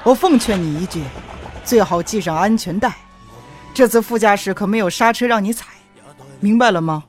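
A man voicing a cold, menacing male driver who sneers slowly at his victim in a comic audio sketch, with faint music behind. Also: sits high. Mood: cold sneering. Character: cold, menacing male chauffeur seeking revenge.

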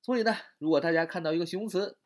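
A man teaching English grammar in Chinese, explaining step by step with many drawn-out fillers and repeated points. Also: on the high side.

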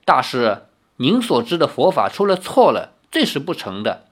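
A reader voicing a gentle, composed young sorceress who admonishes calmly and patiently. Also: medium pitch, normal speed, husky.

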